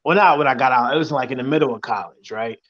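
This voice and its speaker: A man joining a panel from a dark room on a video call, telling a story hesitantly with many fillers. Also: mid-range voice, fast. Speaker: panel guest. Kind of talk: casual storytelling. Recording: dull lo-fi call audio.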